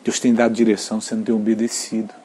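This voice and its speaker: A Brazilian man, a pastor, preaching an earnest sermon, sometimes dropping to a near whisper and sometimes rising to loud emphatic peaks. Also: on the low side, monotone, rapid-fire, slight background noise.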